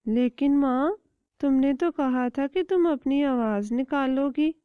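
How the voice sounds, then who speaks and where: A woman voicing a clever, bold little chick in a cartoon, asking sharp questions. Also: high voice, no room sound, voice pushed up, lightly acted. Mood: suspicious. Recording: dull dry lo-fi recording.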